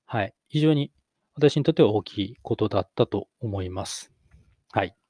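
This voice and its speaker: A middle-aged man hosting a solo podcast, talking reflectively with many fillers and pauses. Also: lowish voice, animated, mellow. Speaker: podcast host.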